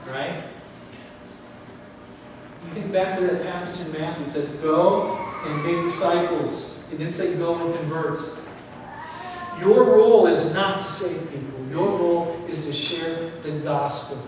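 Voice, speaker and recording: A middle-aged man preaching a sermon in a church, animated, acting out what people think. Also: a little high, unhurried, background noise. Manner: animated, gesturing while preaching, acts out quoted thoughts. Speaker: pastor. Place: church sanctuary, indoors. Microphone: far camera, no mic worn. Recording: echoey hall from far off.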